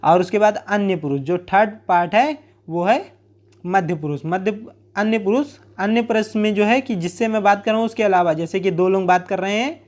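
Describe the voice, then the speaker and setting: A man's voice: high-pitched, moderate pace, a little mellow. A man teaching a grammar lesson, explaining plainly with everyday examples and repeating key points.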